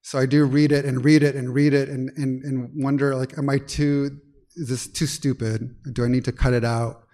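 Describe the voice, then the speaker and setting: A man's voice: mid-range voice, flat delivery, moderate pace, dark tone. A man born in Peru, a poet and interview guest, talking thoughtfully and searching for words with frequent restarts. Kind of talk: reflective conversational talk.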